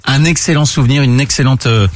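A man's voice: medium pitch, fast talker, no echo. A man in his fifties, a former co-host visiting a radio show, chatting casually with self-mocking jokes. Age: 50s. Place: radio studio.

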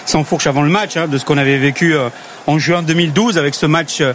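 Halting male sports radio commentator. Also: on the high side, steady tone, a bit bright, slight background noise. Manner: halting, heavy with fillers.

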